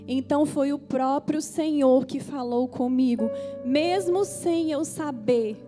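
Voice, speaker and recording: A woman's voice: high voice, dark tone. A woman pastor with a Brazilian Portuguese accent preaching a testimony sermon, talking straight to the congregation with feeling. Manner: emotional storytelling, addresses the congregation directly.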